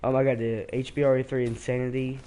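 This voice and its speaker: With slight background noise behind him, a teenage streamer talks fast in a dark, level, mid-range voice that sounds stuffy from being sick and congested. He rambles through casual commentary as he plays a shooter, hesitant and constantly restarting.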